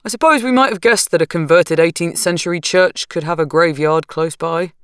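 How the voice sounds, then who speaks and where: Brief: woman reading an unflappable husband, soothing and affectionate, low-set voice, dry close sound. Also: brisk, clean tone, dry recording, natural voice. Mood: calm. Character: calm, laid-back, patient husband.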